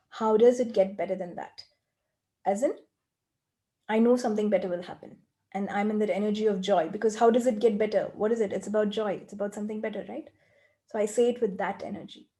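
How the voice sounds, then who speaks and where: A woman leading a group coaching call, explaining earnestly and slipping into quiet, rapid repeated phrases. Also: a little high.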